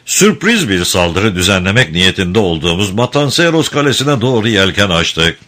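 A man voicing a calm French sailor who testifies in court, speaking in a composed, unruffled way. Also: on the low side, moderate pace.

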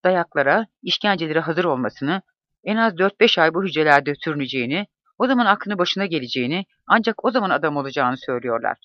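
A man narrating a first-person memoir in a measured, reflective reading. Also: fairly high pitch, lively intonation, dry recording. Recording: dull, dry close-mic recording.

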